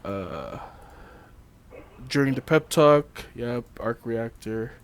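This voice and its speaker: A man's voice: mid-range voice, sing-song, slow, clean tone. A man hosting a casual chat, reading trivia notes loosely with fillers, laughs and the odd swear. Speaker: podcast host.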